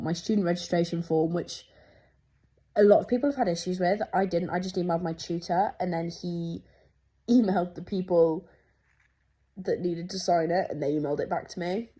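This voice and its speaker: A young woman from England chatting excitedly in a casual video diary, rambling with lots of fillers and restarts. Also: lowish voice, normal speed, rough recording. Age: young adult. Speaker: vlogger.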